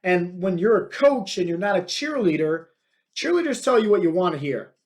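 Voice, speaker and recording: High-pitched and at normal speed, a man in his thirties coaches fitness and hosts his own podcast. He talks bluntly in an energetic motivational monologue, sprinkling in lots of "like" and "right?".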